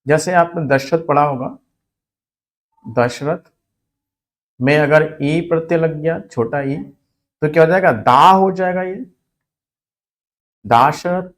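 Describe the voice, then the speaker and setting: A man teaching a Hindi spelling lesson for exam students, repeating each word slowly so it sticks. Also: on the high side.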